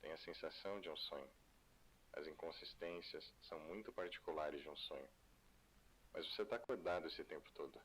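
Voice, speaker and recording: An actor voicing a calm, ominous unseen man in a horror game, speaking in a measured, cryptic way. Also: sits low, slight background noise, close to an everyday voice.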